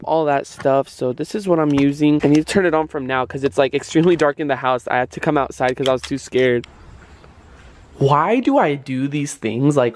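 A man in his twenties chatting casually and nervously to a handheld camera, slangy and half talking to himself. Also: on the high side. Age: 20s. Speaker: vlogger. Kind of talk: casual vlog chat to camera. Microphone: handheld camera at arm's length.

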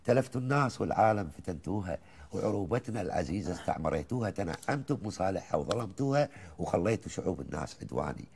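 A man with a Kuwaiti accent, a guest on a TV talk show, reciting colloquial poems in a lively, rhythmic way between bits of chat. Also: low voice, quick pace, creaky, a little hiss or hum. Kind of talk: reciting colloquial poetry in conversation.

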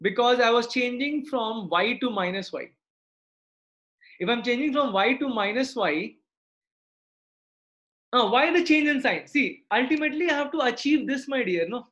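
A man's voice: very high voice, lively intonation, normal speed, pauses often, fairly bright tone, highs cut off. A middle-aged man with a South Indian accent, teaching maths in a live online class and checking understanding with tag questions. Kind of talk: live interactive online lesson.

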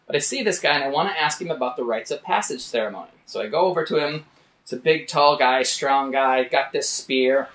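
A man hosting from his art studio, telling a travel story in a lively way and acting out scenes. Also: mid-range voice, brisk, roomy sound. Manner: animated, acts out scenes. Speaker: artist and show host. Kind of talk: casual storytelling. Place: artist's studio.

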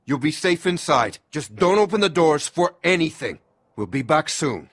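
A husky, worried father. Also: a little high, very animated, moderate pace, heavily acted. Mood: urgent. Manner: urgent, hushed instructions. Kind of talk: video game voice acting.

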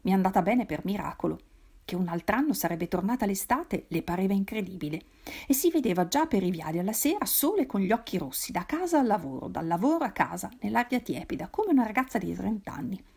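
A woman reading a novel aloud in a measured, expressive way. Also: mid-range voice, gravelly, breathy edge. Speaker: reader. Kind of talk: literary read-aloud.

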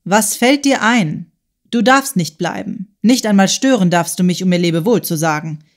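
A woman's voice: on the low side, expressive, normal speed. A woman voicing a tormented, proud male writer in an audiobook, with an urgent, strained, insistent delivery. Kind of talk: audiobook character voice.

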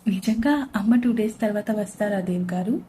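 A woman voicing an innocent young wife who speaks softly and pleadingly in a storybook reading. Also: medium pitch, normal speed, slight background noise, lightly acted. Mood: happy.

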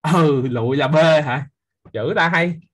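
Casting: young male physics teacher, husky, teasing, quizzes the class. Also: on the high side, measured pace. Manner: lively, quizzing students by name, teasing. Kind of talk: live online class quiz review.

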